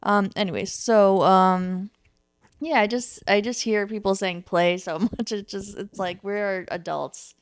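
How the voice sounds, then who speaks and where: A woman's voice: medium pitch, steady tone, measured pace, smooth, no echo, studio quality. A young woman chatting casually as a guest, frank and easily annoyed, swearing now and then. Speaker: podcast guest. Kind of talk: casual chat.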